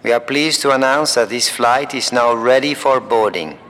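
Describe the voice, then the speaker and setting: An actor playing a calm, formal male airport announcer who reads flight numbers slowly and clearly. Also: mid-range voice, long reverb tail, natural voice, poor audio. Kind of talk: scripted language-course recording.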